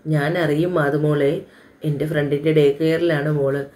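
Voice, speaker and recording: A tender young widow from an audio storybook, as a woman narrator voices her, soft and sorrowful, holding back her grief. The voice is mellow and dark in tone. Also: sits low, little pitch movement, normal speed, natural voice.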